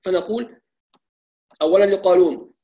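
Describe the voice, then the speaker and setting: Brief: high-pitched male recitation teacher, explains then slowly chants each example. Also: warm tone, lo-fi sound. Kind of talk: live recitation lesson with questions.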